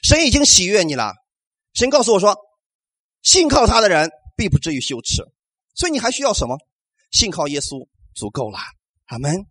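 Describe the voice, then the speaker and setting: A male pastor preaches with a high, lively voice that swoops up and down as he asks his congregation question after question. He punctuates his points with amens. The sound is dry and close, with no room echo. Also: moderate pace, long pauses, slightly rough. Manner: animated preaching with rhetorical questions and call-and-response amens. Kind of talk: sermon.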